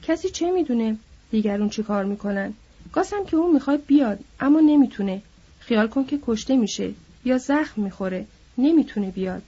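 A woman's voice: a little high, expressive, mellow, husky, muffled recording. Woman reading as a bitter, lonely old stable hand. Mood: needling. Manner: brooding, needling, then mournful.

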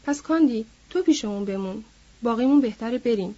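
A woman voicing a calm, steady male ranch hand who speaks in a quiet, measured way, with a husky voice. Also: on the high side. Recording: dull lo-fi recording.

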